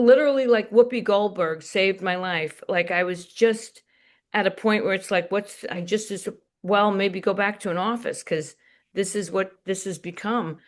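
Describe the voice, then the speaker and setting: An older woman, a veteran comedian, talks through her career in a loose, anecdotal way. She wanders from thought to thought with fillers and restarts. Her voice sits in a middle pitch. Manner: rambling, anecdotal, laughs while telling stories. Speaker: comedian guest. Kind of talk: candid interview storytelling.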